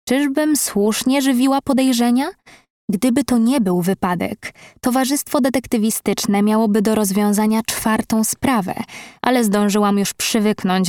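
A woman's voice: mid-range voice, dark tone, dry recording, clean studio sound. Woman reading a first-person audiobook. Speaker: audiobook narrator.

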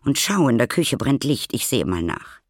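A man's voice: mid-range voice, sing-song, moderate pace, dry recording, studio quality, voice pushed up. A man voicing a worried mother who frets and questions. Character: worried mother, middle-aged, anxious.

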